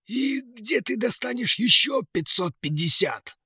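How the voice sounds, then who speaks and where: A man's voice: a little high, expressive, slow, sharp tone, husky, dry recording, studio quality, voice pushed up, exaggerated voice. A man voicing a stern, proud king who is a living palace, barking his orders.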